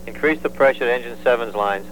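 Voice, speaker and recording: Over a very noisy emergency radio with hum, a fire alarm dispatcher talks fast at medium pitch. He makes formal, clipped, urgent two-way radio calls and repeats every message amid constant hum and static.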